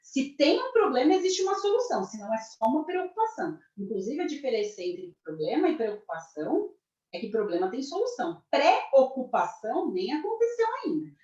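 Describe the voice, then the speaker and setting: Brazilian woman career coach, high-ish and very expressive, training a corporate audience, echoey and muffled recording. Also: brisk. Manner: lively, addresses the audience directly, acts out example phrases. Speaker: career mentor. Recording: echoey, dull lo-fi sound.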